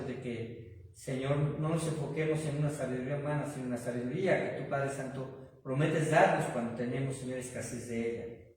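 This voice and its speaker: A man's voice: medium pitch, a little mellow. A man with a Mexican Spanish accent, preaching a sermon and then leading a long prayer, calling the congregation brothers and asking them rhetorical questions. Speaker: pastor. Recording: echoey hall, from far off the mic.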